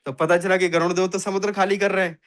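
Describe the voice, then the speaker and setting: A man's voice: high voice, level tone, fast talker, fairly bright tone. A man giving an emphatic motivational talk on a video call, telling a fable and repeating catchphrases to his audience. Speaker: motivational speaker in an online finance meeting.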